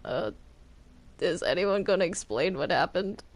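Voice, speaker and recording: A medium-pitched, animated voice speaking a little slowly belongs to a player chatting casually and hesitantly during a multiplayer roleplay game session. It's a noisy home recording of the gameplay.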